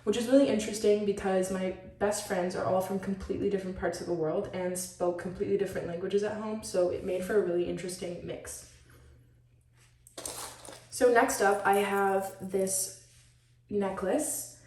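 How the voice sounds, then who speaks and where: With a steady, darkish, medium-pitched voice at a normal speed, a Swiss teenage girl presents her school project as a show-and-tell. She's chatty and upbeat and talks a lot. The recording has roomy echo from a distant mic.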